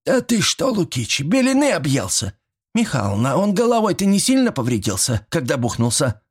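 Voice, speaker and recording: A man voicing a feisty, sharp-tongued old village woman who scolds loudly and indignantly. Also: on the high side, wildly swooping pitch, moderate pace, breathy edge, pitched above the performer's own voice, heavily acted.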